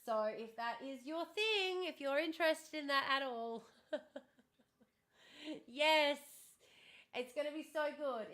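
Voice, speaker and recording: A bubbly, high-voiced woman hosts a livestream, chatting casually with viewers and thanking them warmly and often. She is starting to lose her voice.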